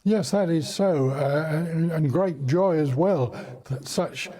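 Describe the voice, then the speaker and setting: This bell ringer, an Englishman in his seventies or beyond, is a broadcast interview guest reminiscing and explaining off the cuff. He talks slowly in a slightly high, mellow voice, with polite, formal phrasing and a hesitant manner.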